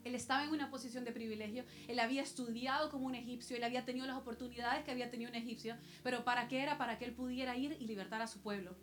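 A woman's voice: fairly high pitch, fairly even intonation, racing, few pauses, soft background music. A woman pastor from El Salvador, preaching a sermon with personal stories and rhetorical questions to the congregation.

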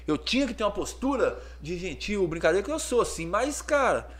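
Animated Brazilian man telling a story. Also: sits high, a little fast, crowd noise. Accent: Brazilian Portuguese. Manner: lively storyteller, acts out voices and sounds. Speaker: clothing store owner, guest. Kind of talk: casual storytelling in a podcast interview.

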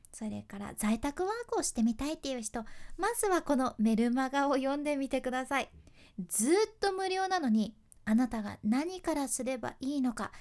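A woman with a Hakata accent and a notably high voice. She talks like a seasoned radio announcer hosting her own podcast, giving advice in a chatty way full of lively asides. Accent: Hakata dialect. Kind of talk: casual spoken advice podcast.

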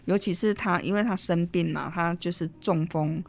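A middle-aged woman with a Taiwanese accent, an interview guest telling a personal story, lively and acting out the lines she quotes. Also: lowish voice, normal speed, gravelly. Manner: lively storyteller, mixes in Hokkien, acts out quotes.

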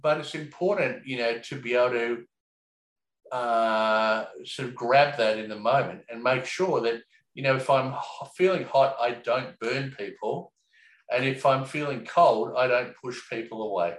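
Guy chatting loose and thoughtful, lots of "you know"s and some swearing, mid-pitched voice, roomy echo. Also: unhurried. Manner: reflective, rambling with many fillers and casual swearing. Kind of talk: casual conversation. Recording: echoey room.

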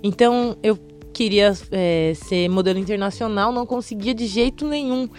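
A woman's voice: mid-range voice, moderate pace, faint music behind. A young Brazilian woman, a fashion model, tells stories from her career in a casual interview, acting out other people's voices as she goes. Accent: Brazilian Portuguese. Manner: lively storyteller who acts out other people's voices.

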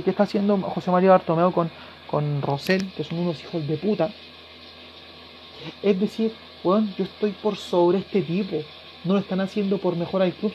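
A tearful man with a Chilean accent hosting a solo podcast, ranting passionately and swearing, his voice swinging from loud to hushed. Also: sits high, slight background noise. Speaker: podcast host. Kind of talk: emotional solo podcast rant. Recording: dull lo-fi recording.

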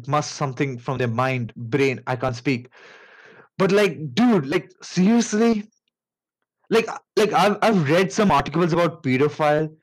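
A man with an Indian accent hosting a casual podcast, telling a story in a rambling, halting way with many fillers and restarts. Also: a little high, slightly rough, poor audio. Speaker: podcast host.

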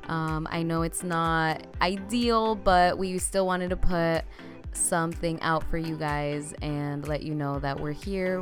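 A young woman hosts a casual faith podcast in a slightly low voice, chatty and upbeat, leaning on fillers as she talks. Soft music plays faintly underneath. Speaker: podcast host.

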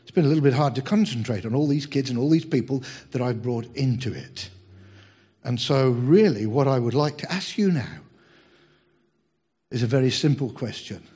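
A man's voice: medium pitch, dark tone, slightly rough. A man preaching a sermon in a humorous, chatty way, teasing his congregation.

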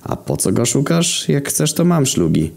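A drunk, crude party girl chattering away in a raised, chummy voice, as a man puts her on. Her words come slurred and loose in a spoken comedy tale, with gravel still in the tone. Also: medium pitch, very animated, moderate pace, darkish tone, pitched above the performer's own voice. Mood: drunk friendly. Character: drunk foul-mouthed young woman at a party.

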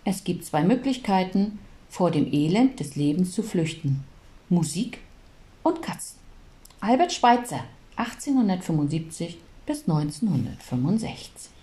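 A woman reading a children's storybook aloud in a lively, expressive way. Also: lowish voice, a little slow. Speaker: audiobook reader.

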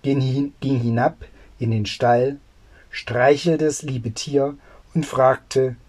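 An unhurried storyteller reading a classic fairy tale aloud. The pace is slow and deliberate, and the odd filler and small restart slip in between the sentences. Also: mid-range voice, steady tone, a little mellow, slightly rough.

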